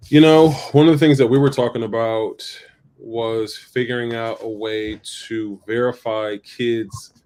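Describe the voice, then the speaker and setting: A man's voice: medium pitch, steady tone, a little slow, dark tone. A man co-hosting a podcast, talking loosely through his ideas, repeating himself and checking in with "right?". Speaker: podcast co-host. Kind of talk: casual chat.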